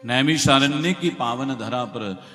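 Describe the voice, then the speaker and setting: A medium-pitched male Bhagavat katha preacher delivers a devotional sermon with scripture verses to a large gathering, his microphone running through a loudspeaker system. Every slow, emphatic word trails a heavy, cave-like echo as he poses rhetorical questions to the listeners over clear devotional music.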